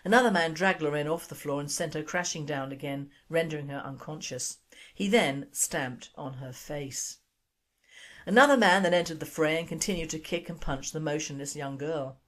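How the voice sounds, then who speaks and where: Low-voiced woman reading a news narration. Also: moderate pace, fairly bright tone. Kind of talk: scripted narration.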